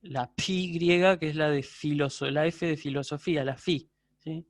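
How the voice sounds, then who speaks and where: A university lecturer with an Argentine Spanish accent teaches a class online. His voice sits a bit high for a man and sounds close and dry. He explains patiently and keeps checking that his students are following. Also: steady tone, moderate pace, dry recording. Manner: answers student questions live.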